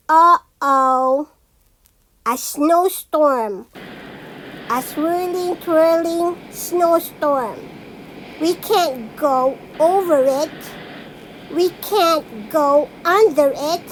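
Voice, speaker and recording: Like a storytelling teacher, a woman reads a children's picture book aloud in a theatrical, sing-song way, slow and deliberate with repeated phrases. Her voice sits high, the recording is low quality, and there's background noise along with sound effects.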